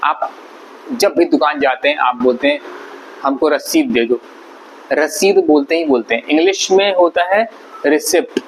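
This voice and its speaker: A man with a slightly high voice gives an English pronunciation lesson. He explains patiently, repeating and spelling out each word. Faint background noise runs under the recording. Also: unhurried, pauses often, poor audio. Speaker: English teacher. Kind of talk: spoken vocabulary lesson.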